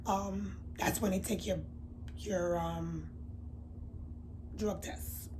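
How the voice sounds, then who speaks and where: A woman telling a candid storytime to her viewers, chatty and confiding, swinging from loud emphatic bursts to low murmurs. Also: fairly even intonation, extremely slow, slight background noise. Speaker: beauty vlogger. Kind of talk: storytime vlog.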